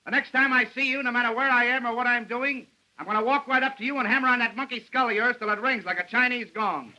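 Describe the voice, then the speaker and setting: A man's voice: very high voice, fast talker, bright, forceful tone, full character voice, rough recording. An actor playing a brash, cocky newspaperman in slangy, wisecracking 1930s screwball comedy banter, on an old film soundtrack. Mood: mocking, scornful. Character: brash, cocky newspaperman, quick-witted and scornful. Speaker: newspaper reporter.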